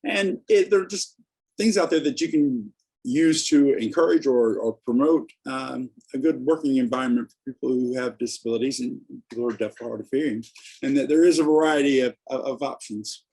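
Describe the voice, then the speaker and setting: Male presenter, mid-range and slightly rough, halting informal delivery. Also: medium pitch, dark tone, rough recording. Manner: halting, searching for words.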